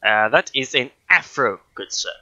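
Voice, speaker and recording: A man's voice: medium pitch, expressive, normal speed, pushed and bright, no echo, highs cut off. A man chatting casually while gaming, laid-back and giggly, swearing freely. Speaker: gaming friend.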